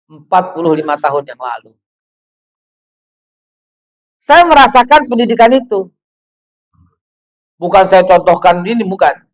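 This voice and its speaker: Male preacher in his fifties, high voice, lively storyteller who keeps asking questions. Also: poor audio. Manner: animated storytelling, rhetorical questions. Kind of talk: sermon to women's gathering.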